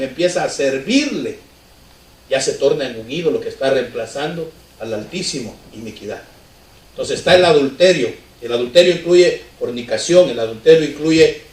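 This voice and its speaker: A male pastor preaching a sermon conversationally, often asking the congregation rhetorical questions. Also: a little high. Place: church hall. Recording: echoey church from far off.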